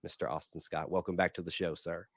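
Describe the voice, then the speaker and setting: A man with a hoarse, congested voice hosts a casual podcast. His voice sits fairly low and he talks in an energetic, rambling way. The recording is dry and close. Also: quick pace, dry recording. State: hoarse from a cold. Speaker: podcast host.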